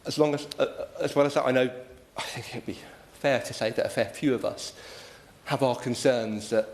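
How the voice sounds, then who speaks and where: A British man giving an earnest, measured and wordy speech as a member of parliament in a formal debate. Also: mid-range voice. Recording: echoey room, faint background noise.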